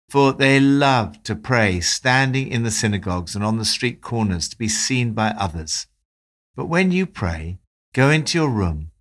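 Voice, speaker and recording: A man giving a devotional talk, reading Bible passages and reflecting on them in a calm, measured way. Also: on the low side. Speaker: devotional presenter.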